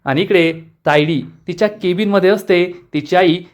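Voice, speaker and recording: A man narrates a TV serial recap in a steady storytelling manner. His voice sits on the higher side for a man, and he reads out every character's lines himself. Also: normal speed, lo-fi sound. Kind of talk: scripted narration.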